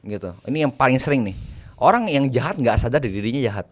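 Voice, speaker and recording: A man's voice: medium pitch, sing-song, quick pace. A man, a private banker, chatting casually as an interview guest, mixing in English phrases and laying out numbered tips.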